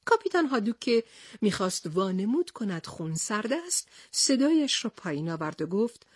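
Storybook narrator, woman, husky and expressive, very lively pitch. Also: dry recording, clean studio sound. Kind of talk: storybook reading aloud.

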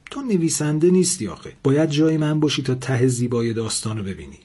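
Husky, eager, defensive young writer husband, storybook reading, man reading. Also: mid-range voice, expressive, warm tone.

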